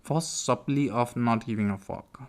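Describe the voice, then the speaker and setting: A man reading a book aloud informally in a living room, halting and repeating words as he stumbles over them. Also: mid-range voice, a little mellow. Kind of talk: informal audiobook read-aloud with casual asides.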